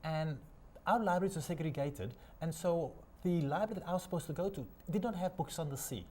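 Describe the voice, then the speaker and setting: A man from South Africa with a South African accent, a studio guest telling his life story in a measured, inspirational way. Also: a little high, darkish tone, slight background noise. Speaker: guest, sailor and keynote speaker. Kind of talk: interview storytelling.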